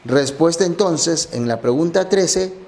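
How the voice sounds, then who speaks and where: A male teacher reviewing exam questions and working through each answer step by step. His voice sits a little high and moves up and down in a very lively way. He explains in the patient, methodical manner of a classroom review. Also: a little slow, very noisy. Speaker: language teacher.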